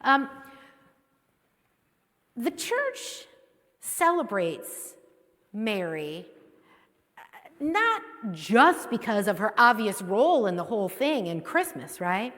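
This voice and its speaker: A woman's voice: mid-range voice, sing-song, takes it slowly, pauses often, a bit bright. Woman pastor preaching in a reverberant church. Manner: chatty, keeps checking in with "right?". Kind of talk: conversational sermon. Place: church sanctuary.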